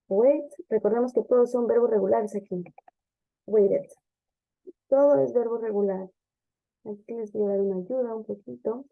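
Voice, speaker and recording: Woman, English teacher; patient step-by-step explainer, higher voice, dull lo-fi recording. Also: creaky. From Ecuador. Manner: explanatory, checks understanding with frequent "ok?" and "sí?". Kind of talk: classroom grammar lesson.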